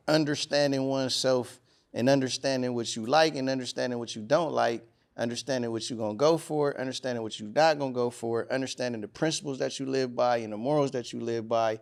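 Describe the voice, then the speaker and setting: A podcast host rambles casually in a studio conversation, restarting often and turning emphatic when he makes a point. His voice is medium-pitched and creaky.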